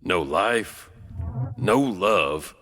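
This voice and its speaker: Extremely slow and sharp-toned, the low male voice swings through lively intonation as he spins eerie tales. He's cast as an enigmatic janitor host, chuckling creepily in a drawl for this scripted horror piece.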